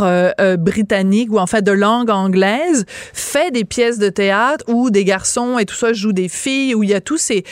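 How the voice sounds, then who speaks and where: A woman with a Québécois accent hosting a radio interview, asking probing questions in an animated way. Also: medium pitch, no room sound, studio quality. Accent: Québécois French. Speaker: radio host.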